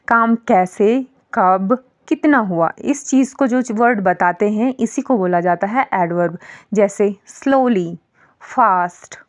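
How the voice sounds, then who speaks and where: A woman teaching beginner English grammar, patiently explaining each point with simple examples and reading the example sentences slowly and clearly. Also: mid-range voice, darkish tone.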